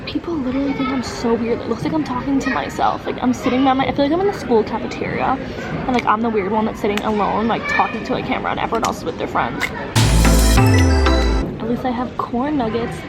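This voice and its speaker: A woman's voice: fairly high pitch, quick pace, over loud music, a loud crowd. A young American woman talking to her camera in a casual, self-mocking, dramatic way while waiting in an airport terminal. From United States. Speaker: vlogger. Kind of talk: casual travel vlog. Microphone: handheld camera. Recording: echoey with loud background noise.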